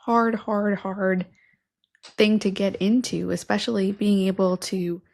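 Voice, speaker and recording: A slightly slow, gravelly, darkish medium-pitched voice with fairly even intonation belongs to a woman in her thirties. She co-hosts a casual podcast from an indoor room with patterned wallpaper, wearing headphones at a studio mic on a stand, and is earnest, enthusiastic and openly a nerd.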